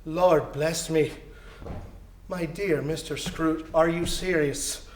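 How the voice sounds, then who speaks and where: A man playing a portly, courteous Victorian gentleman in a storybook reading, astonished and grateful. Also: fairly high pitch, steady tone, takes it slowly. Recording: echoey room.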